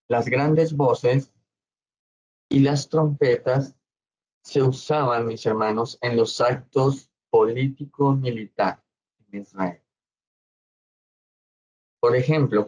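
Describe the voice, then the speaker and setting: A man preaching a slow, measured Bible study sermon as pastor, often checking in with his congregation. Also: mid-range voice, a little mellow, lo-fi sound.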